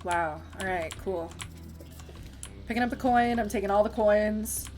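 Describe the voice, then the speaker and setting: A woman's voice: mid-range voice, unhurried, a little mellow, faint music behind. A young woman chatting casually through a game, reading its text aloud and laughing often. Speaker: gamer streamer. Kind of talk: casual let's-play commentary.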